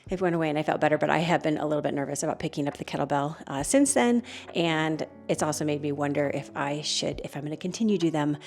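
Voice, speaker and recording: A woman's voice: sits low, fast, few pauses, a little mellow. A middle-aged woman from the United States chatting casually through a home vlog, meandering from one thing to the next as she shows her house. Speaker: author vlogging her day.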